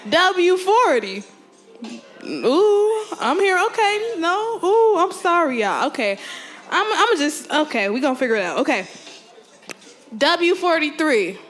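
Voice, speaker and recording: A woman's voice: very high voice, very animated, soft background music. A young woman calling bingo numbers at a community event on a handheld mic, repeating each number and laughing and joking with the crowd. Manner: slow, repeats every number, laughs often, jokes with the crowd. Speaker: bingo caller. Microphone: handheld microphone.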